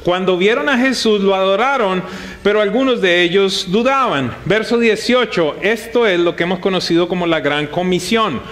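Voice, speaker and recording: High-voiced man preaching a sermon. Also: moderate pace, a bit bright. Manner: conversational preaching with rhetorical questions to the congregation. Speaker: pastor.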